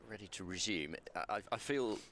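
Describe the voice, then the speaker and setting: A man giving ball-by-ball cricket commentary from a balcony box, measured and self-deprecating, often restarting his words. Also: fairly low pitch, animated, a bit bright.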